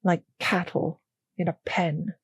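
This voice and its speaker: In an intimate roleplay audio drama, an actress voices a possessive, condescending vampire mistress, breathy, husky, patronizing and savouring each word. Her female voice is lowish and exaggerated, level in tone and slow, with a haughty, cold mood and a dry recording.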